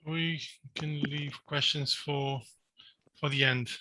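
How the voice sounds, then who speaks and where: Man, slightly high voice, halting self-deprecating talk, video call. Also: fairly even intonation, background noise. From Portugal. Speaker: invited speaker. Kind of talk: online conference talk.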